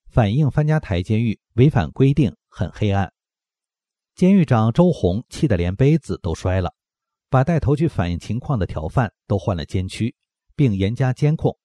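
Low, mellow-voiced man reading news. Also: no room sound, clean studio sound. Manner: steady read-aloud delivery. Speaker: news reader. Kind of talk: scripted news narration.

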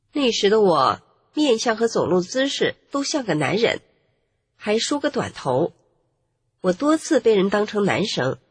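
A woman narrating her own life story in an earnest, measured way. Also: mid-range voice, husky. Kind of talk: first-person testimony narration. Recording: long reverb with faint music.

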